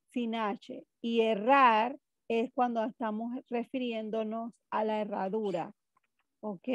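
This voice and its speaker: Woman teacher, slow deliberate explainer, fairly high voice, dry close mic. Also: no room sound. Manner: explains slowly with examples, checks in with "¿ok?". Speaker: Spanish teacher. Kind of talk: online class lesson.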